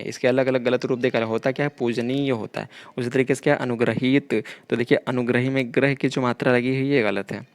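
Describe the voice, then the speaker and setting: A man's voice: medium pitch, vocal fry. A man teaching a grammar lesson for exam preparation, explaining correct spellings and idioms, often repeating himself. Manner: repetitive, explanatory, keeps saying 'dekhiye' and 'theek hai'.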